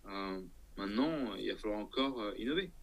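A man's voice: lowish voice, expressive, moderate pace, vocal fry. A man talking casually in an interview as an entrepreneur, hesitating and thinking aloud, often checking that the listener follows. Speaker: entrepreneur guest.

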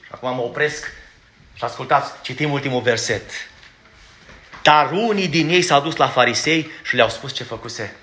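A man preaching a sermon in a church, emphatic and blunt, asking his congregation direct questions and sometimes stumbling over his words as he rushes. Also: medium pitch, bright, forceful tone. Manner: stumbles when rushing.

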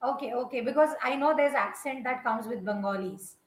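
High-voiced emphatic woman host. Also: brisk, roomy sound, a crowd in the background, low-quality recording. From India. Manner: emphatic, opinionated. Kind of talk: casual live-stream chat.

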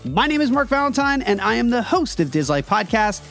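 Man, high voice, podcast host, casual upbeat talk, music behind. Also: sing-song, brisk, vocal fry, a bit bright.

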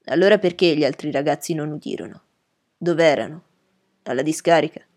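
A woman's voice: low voice, brisk, a little mellow. A woman voicing a patient middle-aged male lawyer who questions a witness firmly and pointedly. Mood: probing.

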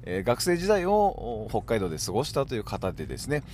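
A man with a Hokkaido accent talks through a casual solo podcast episode in a lowish voice. His pitch moves all over the place as he chats, and he fills the gaps with short affirmations. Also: big pitch swings, quick pace, slight background noise. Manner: chatty, dotted with "hai" affirmations. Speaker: podcast host.

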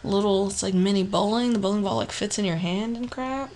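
A woman's voice: mid-range voice, a little fast. A woman co-hosting a podcast, chatting casually and telling rambling stories with frequent laughter. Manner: laughing, rambling, animated storyteller. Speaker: podcast co-host. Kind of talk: casual chat.

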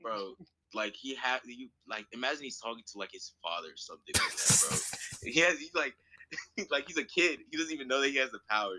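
A young man chatting casually in a group, animated and slangy, often laughing. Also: mid-range voice, fairly quick, very noisy.

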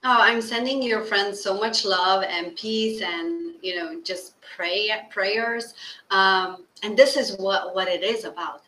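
A woman hosting a podcast interview, effusive and halting as she searches for words. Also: mid-range voice, sharp tone, a little hiss or hum. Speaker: podcast host. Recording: echoey room.

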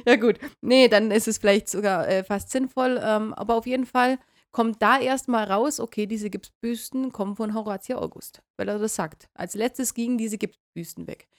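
Woman podcast cohost, kinda high voice, chatty, lots of ums, laughs a lot. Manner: lively, laughs often, halting fillers. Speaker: podcast co-host. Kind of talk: casual chat recapping a radio play episode.

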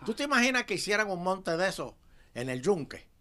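A man's voice: high voice, sing-song, a little fast, bright, forceful tone. A man with a Puerto Rican accent hosting a comedic talk show, joking and exclaiming in casual chat. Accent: Puerto Rican Spanish.

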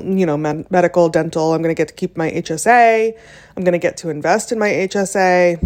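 A woman's voice: fairly low pitch, a little mellow. A young adult woman hosting a casual solo podcast, chatty and loose, full of ums and likes, with little self-deprecating laughs. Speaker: podcast host.

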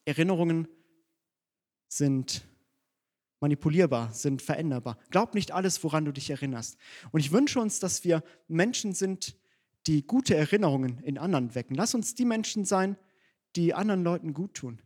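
Man, pastor, sermon, earnest direct preaching, slightly high voice. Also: animated, normal speed, darkish tone. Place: church.

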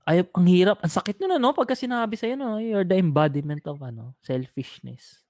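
Lalaking Pilipinong host, may kataasan ang boses, tuyong recording. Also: male voice, high voice, animated, fairly quick, a little mellow, no room sound, clean studio sound. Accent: Filipino. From Philippines. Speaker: talk show host. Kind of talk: casual chat with listeners, Tagalog mixed with English.

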